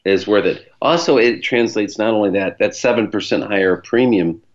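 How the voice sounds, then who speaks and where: A low-voiced man with a Michigan, Great Lakes accent hosts a branding show. He explains things conversationally and speaks straight to his listeners. The sound is a little dull and lo-fi. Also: normal speed. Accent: Michigan, Great Lakes American. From Michigan, United States. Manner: chatty, explanatory, addresses listeners directly. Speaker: podcast host, branding professional.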